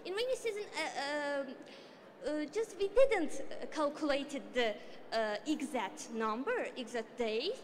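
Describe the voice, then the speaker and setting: A woman with an Azerbaijani accent answering questions about her startup pitch, in halting, repetitive, non-fluent English. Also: expressive. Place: large event hall. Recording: reverberant hall, faint background noise.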